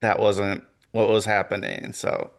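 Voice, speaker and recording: Male host, low and gravelly, halting and apologetic delivery. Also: wildly swooping pitch. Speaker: show host. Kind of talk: casual chat.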